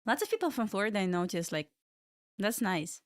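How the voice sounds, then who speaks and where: A Russian-accented young Belarusian woman, live-streaming trades from her home in Florida, speaks fairly quickly in a sing-song, medium-pitched voice. She's chatty and rambling, slipping chat answers in between market comments. The recording is dry and studio-clean.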